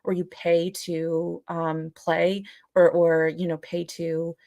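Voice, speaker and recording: Slow and level, a woman with a lowish, creaky, warm voice co-hosts a live podcast, working through a list in casual explanatory discussion. She often rewords her points as she goes, and there's no room sound.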